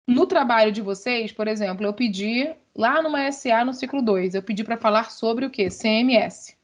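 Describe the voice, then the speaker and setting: A Brazilian woman professor with a Brazilian Portuguese accent, giving students casual, emphatic advice in an online class. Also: fairly high pitch. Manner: fast, emphatic, lots of slang fillers.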